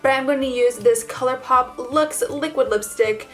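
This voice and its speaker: This is a casual, chatty tutorial vlog: a high-voiced woman speaks to viewers at a moderate pace, bubbly and effusive, as if demonstrating makeup. Music sits faintly behind her.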